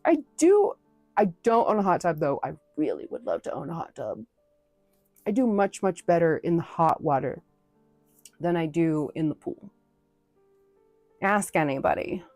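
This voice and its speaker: Chatty low-voiced woman, rambling. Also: big pitch swings, normal speed, long pauses, darkish tone, no room sound, faint music behind. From New England. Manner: chatty and rambling, with frequent fillers and restarts. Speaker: streamer chatting with viewers. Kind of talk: casual live chat.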